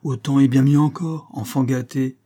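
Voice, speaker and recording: Brief: indulgent captain, read by a man, mellow husky voice. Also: medium pitch, steady tone, normal speed, close to an everyday voice. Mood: fond. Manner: fond, reassuring. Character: gentle, indulgent army captain.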